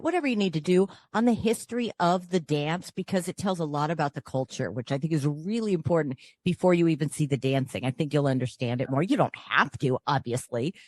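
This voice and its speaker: A woman's voice: low voice, dry recording, clean studio sound. A middle-aged woman hosting an interview, chatty, enthusiastic and informal. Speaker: host. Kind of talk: casual chat interview.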